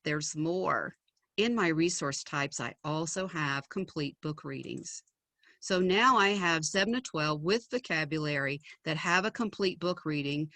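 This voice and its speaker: Chatty low-pitched woman leading a webinar. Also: pushed and bright, no room sound. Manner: upbeat, chatty, with frequent ums. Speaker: presenter demonstrating an educational website. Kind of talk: screen-share webinar demo.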